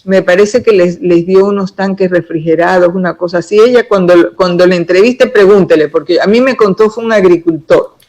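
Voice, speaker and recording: A woman's voice: lowish voice, fairly quick, few pauses, darkish tone, rough recording. A woman, a political pre-candidate answering interview questions in long, emphatic explanations.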